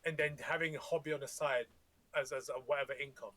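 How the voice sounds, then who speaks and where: A podcast co-host whose first language is Tagalog rambles through a casual chat, often restarting and swearing freely. His fairly high voice is steady, fast, pushed and bright, with no room sound.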